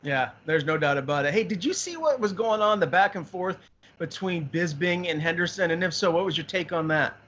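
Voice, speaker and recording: A man co-hosts a casual sports show, eager and talkative, stumbling over repeated words as he works out his thoughts. His voice sits a little high. The audio is muffled and lo-fi. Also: expressive, brisk, fairly bright tone. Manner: enthusiastic, repeats words while thinking. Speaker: podcast co-host.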